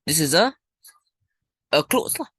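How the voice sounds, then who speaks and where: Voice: mid-range voice, very animated, measured pace, fairly bright tone, slightly rough, no room sound, clean studio sound. A teacher with a Malaysian or Singaporean English accent, talking informally through lesson exercises and thinking aloud with colloquial particles. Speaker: primary school English teacher.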